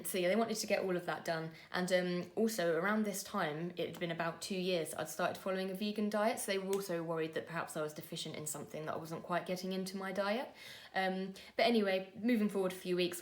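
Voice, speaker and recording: A woman, telling a personal story to camera in an earnest, conversational way with frequent pauses and fillers. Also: on the low side. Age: 20s. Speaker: vlogger.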